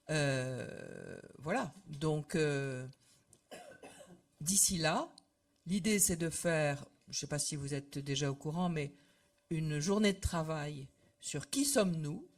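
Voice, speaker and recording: An older woman addressing association members in a casual, conversational way, with many fillers and trailing phrase ends. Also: deep voice. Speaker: association representative. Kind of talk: informal talk to members. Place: meeting room with audience.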